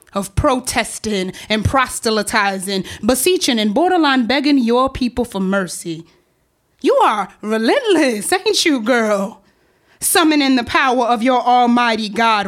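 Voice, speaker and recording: Woman playing a sly, taunting narrator. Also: on the high side. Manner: teasing, calls listener girl, sing-song swoops. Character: taunting antagonistic female narrator, sly and relentless. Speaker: stage actor. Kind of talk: theatrical poetic monologue.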